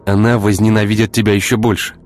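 A man voicing a brash young man who talks in a brisk, teasing way. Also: fairly low pitch, flat delivery, a little mellow, faint music behind, voice pushed up, close to an everyday voice. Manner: brisk, teasing, sometimes syrupy.

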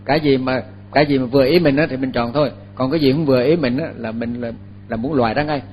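An older man, a Buddhist monk, giving a dharma talk in an unhurried, halting way with many fillers and repeated words. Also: medium pitch, a little mellow, a little hiss or hum.

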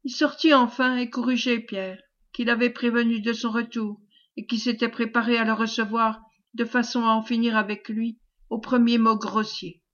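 A woman narrating a classic French novel as an audiobook reader, in a measured, expressive way. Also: on the high side, muffled recording.

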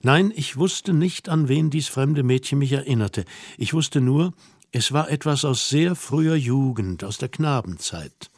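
A man reading a novel aloud in the first person, in a measured, reflective manner. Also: mid-range voice, lively intonation, darkish tone, dry recording, studio quality. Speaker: audiobook narrator. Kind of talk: literary audiobook narration.

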